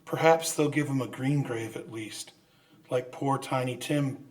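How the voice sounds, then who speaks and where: An actor playing Ebenezer Scrooge, a repentant old miser, in a theatrical, halting old-time radio drama style. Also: male voice, mid-range voice, darkish tone, far from the mic, natural voice. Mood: mournful.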